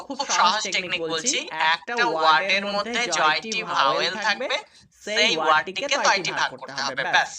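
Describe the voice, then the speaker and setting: A man teaching English reading to students, spelling out letters and repeating each word slowly. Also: sits high. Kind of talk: spoken lesson, spelling out words.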